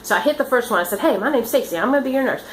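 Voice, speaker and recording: A woman's voice: on the high side, animated, rapid-fire, slight background noise, poor audio. A woman who works as a nurse, telling her stories in a rambling, earnest way with many restarts. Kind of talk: casual storytelling.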